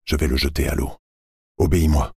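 A man voicing a cold, calculating young murderer who hushes his orders and cries out in false grief. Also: low-pitched, expressive, moderate pace, husky, no echo, clean studio sound. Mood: hushed urgent.

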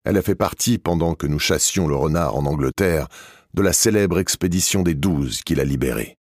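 A man reading an audiobook, voicing an older abbé in an ironic, measured tone. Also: rumbling low, dry recording, clean studio sound.

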